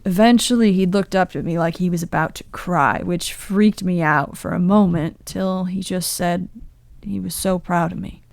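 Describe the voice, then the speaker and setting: A woman's voice: fairly low pitch, fairly even intonation, creaky, darkish tone, dry recording, studio quality. A woman reading as a bashful young man. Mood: wistful. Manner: bashful, halting confessional storytelling. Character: young man, twenties, sheepish and tender.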